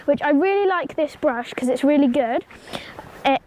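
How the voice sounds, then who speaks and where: At a moderate pace and with an expressive, high, slightly mellow voice, a teenage girl with a slight cold demonstrates horse grooming in a casual vlog tutorial. Standing by a pony in an outdoor stable yard, she chats and rambles, fills her speech with ums and likes, and addresses the pony now and then.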